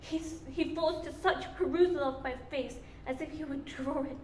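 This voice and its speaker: A woman who is an acting student, haltingly reciting classical monologue lines in rehearsal. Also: high-pitched, fairly even intonation. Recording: echoey room, distant mic, faint noise.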